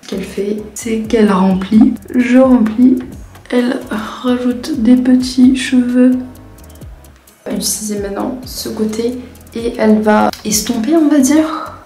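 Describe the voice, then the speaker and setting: A young woman talks casually on camera, full of self-mocking asides. Her voice sits a little high and bounces off the walls of a roomy space. Soft music plays underneath. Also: unhurried. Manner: chatty, self-mocking commentary. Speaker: vlogger testing tips. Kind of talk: casual vlog chat. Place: at home, later a bathroom. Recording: roomy room with faint music.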